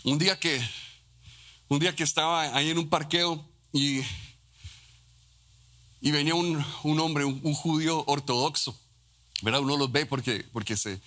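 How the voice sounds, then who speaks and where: A Costa Rican pastor preaching a sermon in a fervent way, often restarting and adding tag questions. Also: male voice, a little high, normal speed, pauses often, pushed and bright. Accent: Costa Rican Spanish. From Costa Rica.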